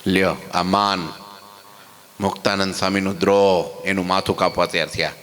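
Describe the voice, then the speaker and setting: A man telling devotional stories in a sermon, his delivery swinging between loud exclamations and soft quoted speech. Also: deep voice, little pitch movement, normal speed, a little hiss or hum. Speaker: preacher telling scripture stories. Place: temple hall. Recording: long hall reverb.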